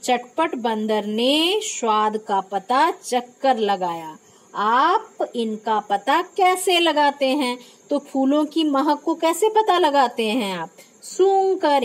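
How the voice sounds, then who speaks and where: Woman, primary teacher, high-pitched and unhurried; patient explainer for young kids. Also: rough recording. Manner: patient, explaining, asks questions then answers them; frequent "isn't it" check-ins. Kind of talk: textbook lesson for young children.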